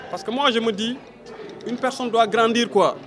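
A man's voice: very high-pitched, moderate pace. A man in his thirties from Senegal, a rapper chatting loosely in an interview and ending phrases with "quoi". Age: 30s. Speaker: rapper and reggae artist. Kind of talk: casual interview chat. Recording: outdoor crowd chatter behind.

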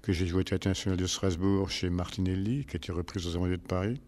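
An older man, a stage actor, answering interview questions in a rambling, halting way with many restarts. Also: low-pitched, steady tone, a little mellow.

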